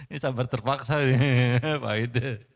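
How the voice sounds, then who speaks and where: A man's voice: medium pitch, vocal fry, breathy edge. A man giving a casual sermon to a congregation, bantering, quizzing his listeners and laughing often. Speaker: preacher. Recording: long reverb of a hall.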